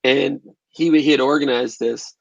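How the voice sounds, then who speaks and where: Male filmmaker guest, gravelly, dry, thoughtful conversational delivery. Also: mid-range voice, steady tone, moderate pace, no room sound, poor audio. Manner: thoughtful, restarts phrases while recalling events. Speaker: documentary filmmaker and photographer. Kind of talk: conversational interview answers.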